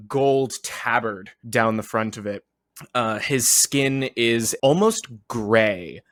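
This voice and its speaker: Guy at a tabletop game, bright forceful voice, slow and full of uhs, laughs a lot. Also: medium pitch. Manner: excitable, laughs often, many filler words. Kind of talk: describing his character in a tabletop game.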